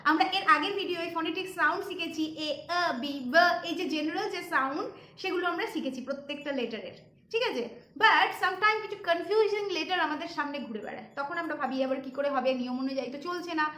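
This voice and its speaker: A woman's voice: extremely high pitch, fast, pushed and bright. A woman hosting a children's phonics lesson, talking in a sing-song teacher tone that keeps checking whether her young learners follow, with English words mixed into her speech. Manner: mixes Bengali with English words. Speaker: channel host and teacher.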